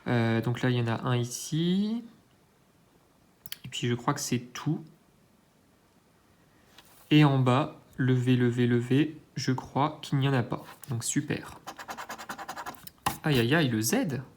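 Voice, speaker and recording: A man's voice: mid-range voice, takes it slowly, pauses often, a little mellow. Man casually musing over scratch cards. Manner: hesitant, thinking aloud, frequent filler sounds; self-mocking asides. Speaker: scratch-card channel host. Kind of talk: casual commentary while scratching tickets.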